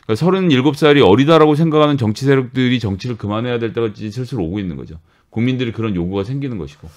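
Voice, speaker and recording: Man in his 40s, radio studio panelist: rapid, plain-spoken, dry wit. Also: mid-range voice, expressive, a little mellow. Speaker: political panelist.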